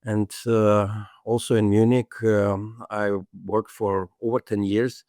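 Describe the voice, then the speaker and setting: Hesitant older man, gravelly. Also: fairly low pitch, darkish tone, no echo, studio quality. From Germany. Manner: hesitant, many fillers and restarts. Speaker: guest. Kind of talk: interview answers.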